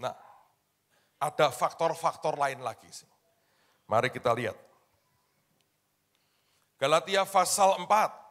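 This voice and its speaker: Dramatic pastor, high lively voice. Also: male voice, takes it slowly, long pauses. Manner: dramatic, swings from loud shouts to hushed asides; colloquial, keeps addressing the congregation. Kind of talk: sermon.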